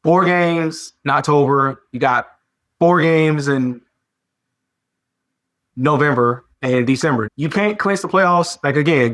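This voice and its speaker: A man hosting a sports podcast, talking in a casual, animated way with slang and lots of repetition. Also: fairly high pitch. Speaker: podcast host.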